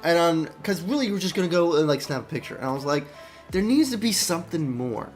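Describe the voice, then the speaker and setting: A young indie game developer chats casually on a dev stream while showing off his game, rambling, restarting often and thinking out loud. His voice is on the high side, fast and lively in intonation, with faint music in the background.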